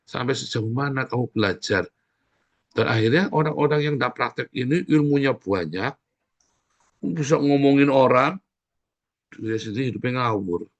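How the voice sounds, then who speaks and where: A man's voice: medium pitch, normal speed, long pauses, highs cut off. A middle-aged man preaching a sermon as pastor, exhorting the congregation directly and repeating his key phrases over and over.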